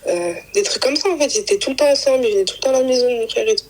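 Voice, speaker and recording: A woman's voice: a little high, rapid-fire, poor audio. A young woman casually telling a personal story, rambling with fillers and acting out quoted lines. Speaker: guest telling her story.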